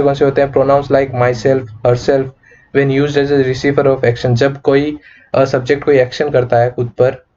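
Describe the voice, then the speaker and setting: In an online English grammar lecture, a man with an Indian accent explains things in Hindi mixed with English, using many fillers and rhetorical questions. His voice is medium-pitched and mellow, and the recording sounds dull and lo-fi.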